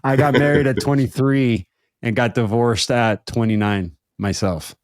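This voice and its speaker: A man's voice: mid-range voice, fairly even intonation, normal speed, no room sound, studio quality. A man in his thirties hosting a podcast, talking casually and rambling with repeated words and fillers. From Brazilian family background. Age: 30s. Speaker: podcast host. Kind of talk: casual conversational interview.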